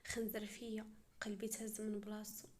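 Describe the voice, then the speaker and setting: A woman with a Moroccan accent telling a story in the first person, playful and lively, with acted dialogue and whispered asides. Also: medium pitch, brisk.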